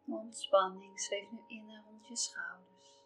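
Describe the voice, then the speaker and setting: A woman reading a scripted guided relaxation in a soft, soothing, half-whispered delivery with measured, calming phrasing. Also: mid-range voice. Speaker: guided relaxation narrator for pregnancy. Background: soft music.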